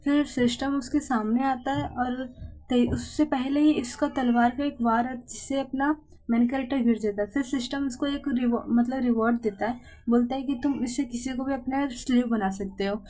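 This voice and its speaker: A woman's voice: high voice, fairly even intonation, normal speed, dark tone, rough recording. A woman narrating a comic recap in a chatty, loose storytelling way.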